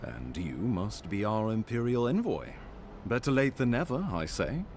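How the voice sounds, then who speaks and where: A pompous imperial ambassador. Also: male voice, on the low side, sing-song, moderate pace, slight background noise. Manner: formal, theatrical, self-important. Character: pompous imperial ambassador, middle-aged man, wary. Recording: game audio with loud music.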